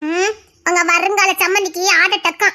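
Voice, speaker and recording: A woman's voice: very high-pitched, little pitch movement, brisk, pushed and bright. A woman performing a family comedy skit, wailing and crying out in exaggerated mock distress. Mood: comic wailing.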